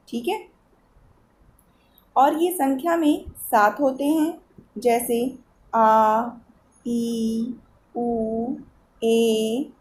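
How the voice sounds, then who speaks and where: A woman's voice: high voice, dark tone, a little hiss or hum. A woman teacher explaining a Hindi grammar lesson to children, patiently asking questions as she goes. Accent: Eastern Uttar Pradesh Hindi. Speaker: school teacher.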